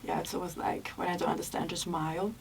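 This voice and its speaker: A woman's voice: fairly low pitch, fast, gravelly. A young woman from Italy, hosting a student podcast and chatting casually, often laughing. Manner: relaxed, asks questions, laughs often. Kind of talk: casual chat. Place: school room. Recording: distant mic, noisy background.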